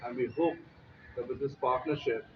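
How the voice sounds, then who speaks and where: A man, an insurance executive, giving a measured, formal speech at a signing ceremony. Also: medium pitch, recorded from a distance, dull audio, noisy background. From Pakistan.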